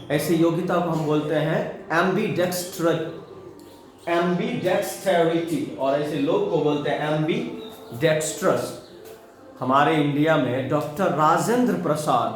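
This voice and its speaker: A man with an Indian accent teaching English vocabulary, drawing out words slowly as he explains them. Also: high-pitched. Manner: slow drawn-out word spelling. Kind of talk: vocabulary lesson. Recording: very echoey room with faint music.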